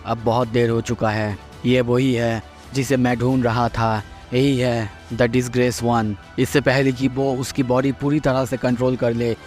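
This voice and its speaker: A man voicing a stern, resolute angelic spirit in an anime recap, speaking gravely and deliberately. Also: medium pitch, flat delivery, a little mellow, soft background music, lightly acted.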